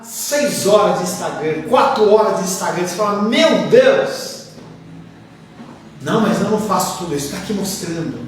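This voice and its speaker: A man's voice: high-pitched, slight background noise. A man with a Brazilian Portuguese accent, preaching a sermon as a pastor in a conversational way, full of asides and anecdotes. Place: church hall. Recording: echoey room from far off with faint ambience.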